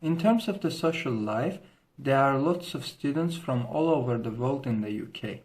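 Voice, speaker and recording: A young adult man with an Azerbaijani accent serves as a student host, delivering a scripted informational presentation with formal, careful phrasing. His voice is medium-pitched and darkish, animated, at a moderate pace.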